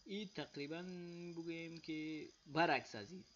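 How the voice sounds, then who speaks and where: A man with an Afghan Dari accent giving a casual spoken lesson, saying example words slowly and loudly, then explaining them quietly. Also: a little high, muffled recording, slight background noise. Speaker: language teacher.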